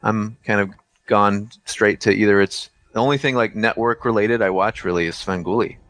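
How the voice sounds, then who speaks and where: Low-ish voiced guy on a movie podcast, chill, dry jokes. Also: fairly even intonation, moderate pace, a bit bright, dry recording. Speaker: podcast co-host. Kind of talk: casual movie-review chat.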